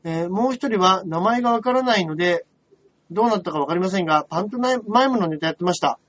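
A man with a high, husky voice co-hosts a casual talk show. He reads listener letters briskly between easygoing chatter. The recording sounds dull and lo-fi. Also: expressive, a bit bright, no echo. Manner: brisk, reads letters aloud in quick bursts. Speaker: radio show co-host reading listener mail. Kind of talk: casual chat.

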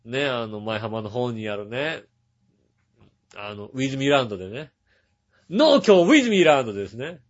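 A man's voice: medium pitch, very animated, normal speed, pauses often. Guy hosting a talk show, rambling story, lots of fillers, voice swoops up and down, kinda muffled lo-fi audio. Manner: chatty, full of filler words and asides, chuckling. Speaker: radio show host. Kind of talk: casual storytelling monologue. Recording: dull lo-fi sound.

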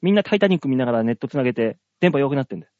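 A man in his forties, a podcast co-host, joking with friends in gruff, playful bluster over a remote call mic. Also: medium pitch, animated, rapid-fire, a little mellow, no echo, muffled recording. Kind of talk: casual banter.

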